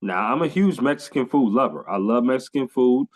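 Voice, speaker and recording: The man hosting this podcast comes from California and has a mid-range, expressive voice with a brisk pace. He keeps the interview chat casual and excited, leaning on lots of fillers and repeats.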